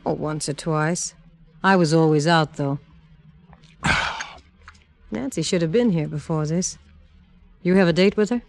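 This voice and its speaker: A woman's voice: sits low, measured pace, vocal fry, long pauses, faint music behind. An actress playing a scheming young woman poisoner in an old radio drama, speaking coyly and slyly. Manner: coy and sly, then taunting. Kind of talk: 1940s radio drama acting.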